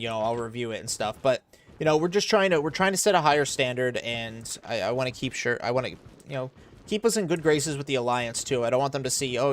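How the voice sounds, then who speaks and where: A young American man from Florida, casually talking through a live game stream and answering chat. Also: mid-range voice. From Florida, USA. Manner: chatty, explains while playing, reads chat aloud.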